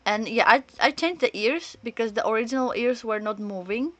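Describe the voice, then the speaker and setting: A woman livestreams a video game, chatting, reacting and rambling as she thinks aloud. Her fairly high, slightly bright voice moves at normal speed, with a close, dry recording.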